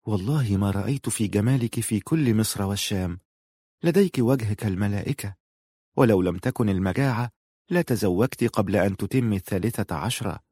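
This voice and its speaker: A man voicing an older female guardian, devout and protective, speaking gently and earnestly. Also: lowish voice, brisk, slightly rough, no echo, clean studio sound. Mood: gentle, earnest.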